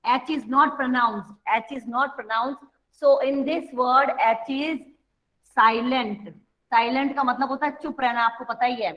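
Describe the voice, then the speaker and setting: An Indian woman teaches an online class in a high voice, taking her time over every point. She explains patiently and slides between Hindi and English. The audio is a little dull and lo-fi, like a video call. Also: fairly even intonation, very slow.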